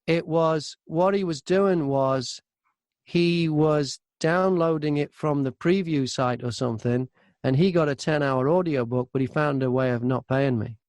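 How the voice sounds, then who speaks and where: An audiobook narrator appears as an interview guest, chatting casually and telling anecdotes by acting out both sides of exchanges. His somewhat high voice is unhurried with a darkish tone, and the recording has no echo.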